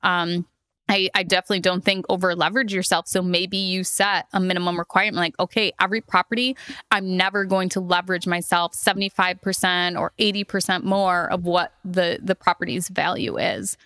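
A woman co-hosts a podcast in a relaxed, chatty way, often breaking into laughter and leaning on fillers. Her voice is bright and forward, and it sounds dry and close with little room sound. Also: on the low side, fairly quick, no room sound. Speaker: podcast co-host. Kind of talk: casual podcast chat.

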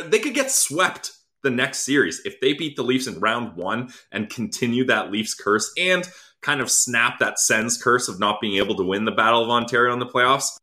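A man's voice: mid-range voice, pushed and bright. A man co-hosting a casual sports podcast, making bold, playful predictions and laughing along. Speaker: podcast co-host.

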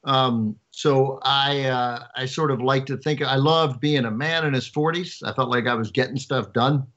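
A man's voice: mid-range voice, steady tone, moderate pace, a bit bright. A man in his fifties with a New Jersey accent, co-hosting a talk show, who teases dryly and hesitates often with fillers. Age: 50s. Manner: dry teasing, hesitant with many fillers. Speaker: podcast co-host. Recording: dull lo-fi remote audio.

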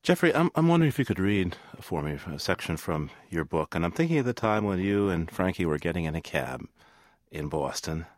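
A man with a low voice hosts a public radio interview. His pitch moves in wide, lively sweeps as he puts his questions. The sound is close and dry, and he often repeats words as he starts a sentence. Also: brisk, no room sound. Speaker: radio show host.

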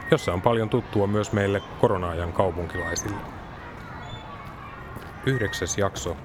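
A man reading a scripted podcast introduction in a measured, formal way. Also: deep voice, background noise. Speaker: podcast announcer.

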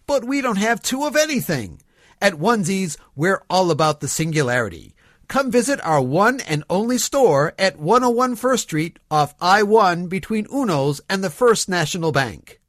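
A man's voice: high voice, a bit bright, dry recording, studio quality, full character voice. A man playing an upbeat shop announcer in a scripted comic radio advert.

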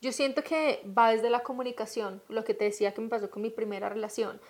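A woman, a podcast guest who explains her views in a measured, reflective way in casual chat. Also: a little high, steady tone, darkish tone.

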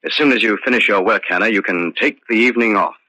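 An actor playing a curt, scheming husband with a brisk, clipped delivery in 1940s radio drama style. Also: male voice, on the low side, close to an everyday voice. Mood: brisk, dismissive. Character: curt, scheming husband dismissing his servant. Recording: faintly noisy old radio recording.

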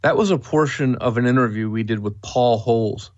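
A man reads a true-crime script steadily and matter-of-factly, with a middle-range voice. The audio sounds slightly dull and muffled, as if the high end has been rolled off. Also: brisk. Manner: steady, matter-of-fact reading. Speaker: podcast co-host.

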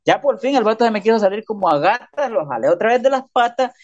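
A man rattles off a story at a quick clip, packed with slang and punchy sound effects. The sound is a little dull and lo-fi. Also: high voice, animated. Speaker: podcast guest, prisoner. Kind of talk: casual storytelling interview.

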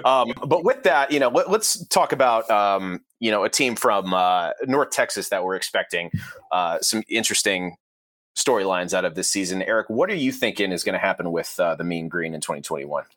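Male podcast co-host, lowish voice, relaxed football chat with lots of "uh"s, dry sound. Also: brisk, dry recording. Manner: conversational, with frequent fillers. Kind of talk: casual sports talk.

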